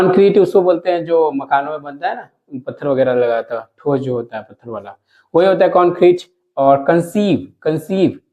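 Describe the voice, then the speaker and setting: A man teaching a lesson to viewers, explaining slowly, repeating words and asking himself questions as he goes. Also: medium pitch, dark tone, dull audio. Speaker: English teacher.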